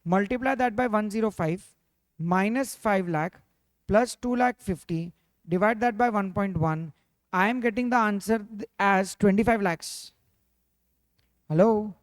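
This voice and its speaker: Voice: mid-range voice, a little slow, no echo. A finance teacher with an Indian accent giving an interactive revision lecture, constantly prompting students with questions and dropping in the odd Hindi interjection.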